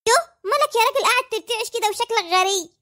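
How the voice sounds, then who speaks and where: A woman voicing a teasing, sharp-tongued mother in an Egyptian cartoon, with an Egyptian accent. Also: extremely high pitch, very fast. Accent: Egyptian Arabic.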